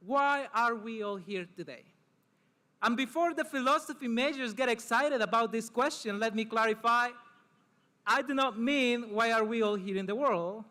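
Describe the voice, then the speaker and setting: In his high, bright voice, a young man from El Salvador gives a formal prepared speech as the student commencement speaker. Spanish is his first language, and he proceeds earnestly and measuredly with short phrases and pauses.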